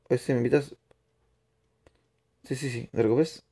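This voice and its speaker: A young man streams a game live, faking a Spain Spanish accent as he talks with viewers. His voice is mid-range, mellow, and a bit breathy, with fairly even intonation at a normal speed. He replies to chat as he plays, and his explanations ramble and restart.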